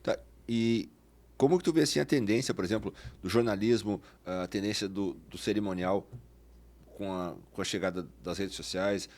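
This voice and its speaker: Low-voiced host. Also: male voice, normal speed, darkish tone. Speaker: podcast host. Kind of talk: casual podcast interview.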